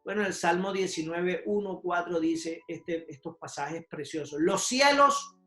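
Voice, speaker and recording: Slow, emphatic preacher in an echoing church. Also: mid-range voice, little pitch movement. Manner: emphatic, with rhetorical questions and repeated "¿sí?". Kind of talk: sermon. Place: church sanctuary. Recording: roomy church hall with faint music.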